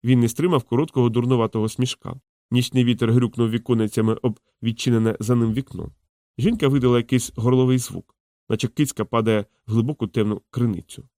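A man narrating a fantasy audiobook in a steady, measured storytelling voice. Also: mid-range voice, dry recording, clean studio sound. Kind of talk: scripted narration.

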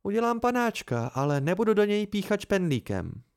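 A man voicing a quiet, careful young woman who speaks in a matter-of-fact way. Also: mid-range voice, very animated, smooth, pitched above the performer's own voice. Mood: wary.

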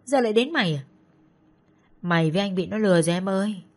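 A woman's voice: medium pitch, lively intonation, fast talker, darkish tone, natural voice. A woman putting on a crude, abusive older thug. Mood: abusive, sneering. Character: coarse, short fat older male thug. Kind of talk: audiobook story reading.

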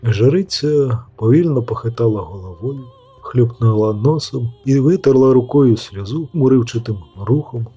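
A man narrating a fantasy audiobook in a steady storytelling manner, lightly voicing the characters. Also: mid-range voice, normal speed, husky, faint music behind. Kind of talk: scripted narration.

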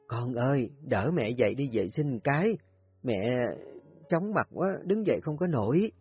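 A man's voice: medium pitch, expressive, unhurried, slightly rough. A man voicing a frail, ailing old mother-in-law in an audio story, pleading weakly and timidly. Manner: weak, pleading. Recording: dull lo-fi audio with faint music.

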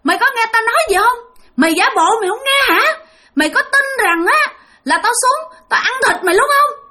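A woman doing a ghost mother from a spoken ghost story, her voice shrill and piercing, pitched very high. She swoops wildly in pitch and hurls threats. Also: animated, a little fast, heavily acted. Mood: menacing. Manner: shouting threats. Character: shrill menacing female ghost mother in a tree.

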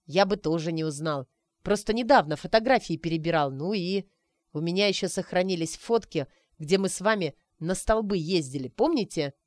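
A man's voice: high voice, normal speed, no echo, studio quality, natural voice. A woman voicing a cocky young man who teases a friend by pretending to be a wizard, in a playful, mock-mystical way. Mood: teasing.

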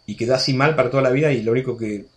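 A man's voice: mid-range voice, racing, a little hiss or hum. A man in his sixties with an Argentine accent, a radio guest telling stories in a chatty way, full of restarts and asides. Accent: Argentine Spanish. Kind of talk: casual storytelling interview.

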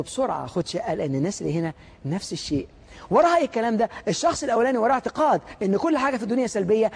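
A man with an Egyptian accent giving an animated motivational lecture, full of stories and rhetorical questions to the audience. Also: high voice, husky. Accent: Egyptian Arabic.

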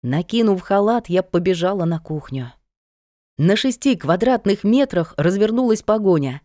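A woman's voice: mid-range voice, lively intonation, normal speed, warm tone, no room sound, clean studio sound. A woman narrating a first-person audiobook in a wry, conversational storytelling manner.

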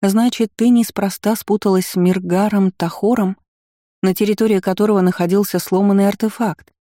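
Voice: medium pitch, fairly even intonation, normal speed, warm tone, no echo, studio quality, pitched above the performer's own voice, close to an everyday voice. A reader voicing a young heroine who talks urgently and accusingly. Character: young heroine, defiant and angry vampire girl.

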